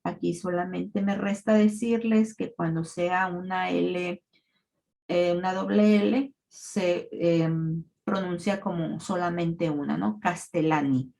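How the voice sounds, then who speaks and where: A woman giving a recorded parasitology lecture, explaining terms in a measured way with frequent fillers. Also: lowish voice, fairly even intonation, creaky, mellow.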